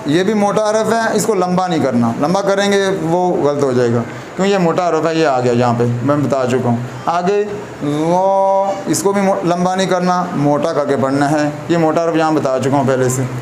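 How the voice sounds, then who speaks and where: Male Quran teacher at a whiteboard, fairly high voice, patient and repetitive; echoey room, audible background noise. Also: normal speed. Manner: patient, repeats points, often checks with "theek hai". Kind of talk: whiteboard lesson on letter pronunciation.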